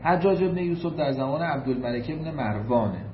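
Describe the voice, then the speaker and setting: In a roomy, slightly dull recording with a bit of hiss or hum, a man from Iran gives an expressive storytelling sermon in a mid-range voice. The religious lecturer is emphatic, repeating key points and figures for weight, and recites Arabic quotations before translating them.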